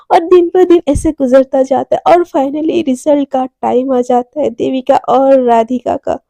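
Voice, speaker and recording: A woman tells a romance story in a relaxed, chatty way, slipping English words into her talk. Her voice sits high but sounds mellow, and the recording is close and dry. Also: gravelly, dry recording. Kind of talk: casual story narration.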